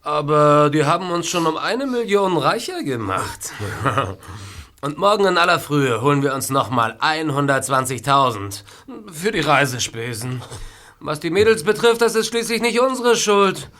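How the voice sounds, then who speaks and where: A sneering, high-voiced gang boss. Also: male voice, lively intonation, normal speed, sharp tone. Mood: gloating. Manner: sneering, gloating, chuckling. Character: gloating male gang boss, cruel and mocking. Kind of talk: radio play acting.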